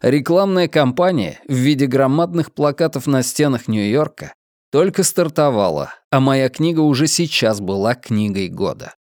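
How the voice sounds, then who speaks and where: A man reading an audiobook in a measured, wry first-person storytelling manner. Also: medium pitch, expressive, darkish tone, no room sound, clean studio sound. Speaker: narrator. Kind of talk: audiobook narration.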